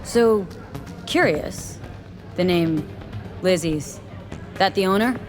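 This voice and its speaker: Cool low-voiced mercenary woman. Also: slow pace, over music. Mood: curious. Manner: terse, wry, slangy. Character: cool, tough, streetwise female mercenary. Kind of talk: video game voice acting.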